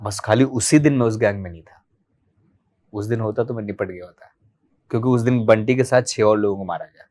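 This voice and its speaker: Animated man telling his life story. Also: fairly low pitch, brisk. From Delhi, India. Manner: animated, vivid storytelling, acts out remembered dialogue. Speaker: podcast guest, martial arts practitioner. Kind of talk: candid storytelling interview.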